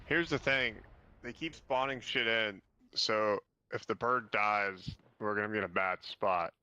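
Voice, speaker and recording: A man's voice: on the low side, measured pace, pushed and bright, clear, resonant tone, no echo, highs cut off. A man playing a military game, switching between casual sweary chat and jargon-heavy radio calls. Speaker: player in a military game, coordinating over radio.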